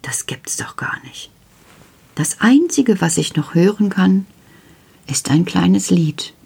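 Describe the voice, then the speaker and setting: A woman telling a children's story in a husky, often whispered voice, lively and intimate. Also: fairly low pitch, slow.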